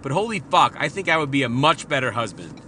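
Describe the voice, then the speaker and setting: A man's voice: medium pitch, very animated, brisk, sharp tone, slight background noise. A married man hosting a solo podcast, talking in a casual, profane, rambling and self-deprecating way. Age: adult, married father. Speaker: podcast host.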